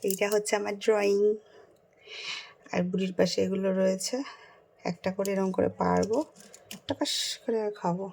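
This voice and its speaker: A young woman vlogger talking casually and quickly about her day, chatty and excited. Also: mid-range voice, vocal fry, low-quality recording. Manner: fast, chatty talker. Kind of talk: casual daily vlog talk.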